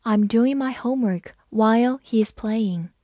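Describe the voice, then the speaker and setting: Woman, calm vocabulary teacher, slow, deliberate delivery, dry close-mic sound. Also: on the high side, no room sound. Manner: clear, measured, slows down for model sentences. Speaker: English teacher. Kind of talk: scripted vocabulary lesson.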